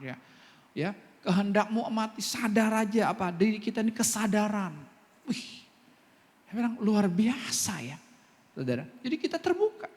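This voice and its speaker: Man, pastor, high and very animated voice, chatty storyteller, church-hall reverb. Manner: lively storytelling with many asides, laughing often. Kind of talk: sermon.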